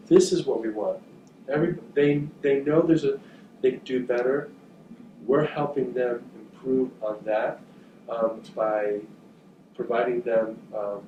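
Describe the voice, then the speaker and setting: A medium-pitched man from northern New Jersey addresses journalism students in an echoey room. He's thoughtful but halting, repeating words and using frequent fillers. The recording is distant and echoey, with background noise.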